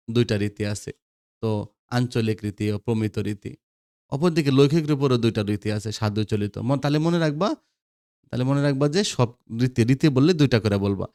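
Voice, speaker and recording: Bangladeshi male teacher, mid-pitched, drills students with questions, dry close mic. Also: moderate pace, darkish tone, dry recording. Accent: Bangladeshi Bengali. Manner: quizzing students, repeating answers. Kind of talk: lecture for school students.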